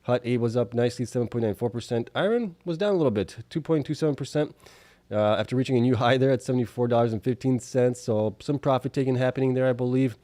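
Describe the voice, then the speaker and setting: This host of a stock market video show speaks quickly at a medium pitch, his tone mellow and free of room sound. He reads out market figures informally in a casual recap, throwing in offhand comments, while slight allergies make him cough and sniffle.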